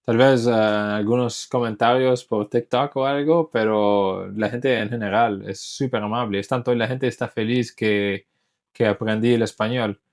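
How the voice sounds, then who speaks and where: In a low-ish, steady, unhurried voice, a man whose first language is English chats casually in Spanish to the camera. An English teacher by trade, he speaks thoughtfully and often restarts words as he hunts for them.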